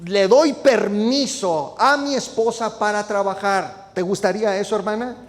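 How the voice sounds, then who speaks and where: A man's voice: high-pitched, measured pace. A male preacher, talking in an emphatic sermon style full of rhetorical questions and fillers. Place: United States. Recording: long reverb hall sound.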